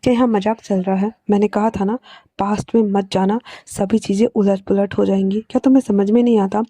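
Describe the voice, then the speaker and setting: Domineering young man, voiced by a woman, cold, possessive, husky low tone, dry close sound. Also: fairly even intonation, a little fast, mellow, dry recording, close to an everyday voice. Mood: angry. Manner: husky low tone when soothing.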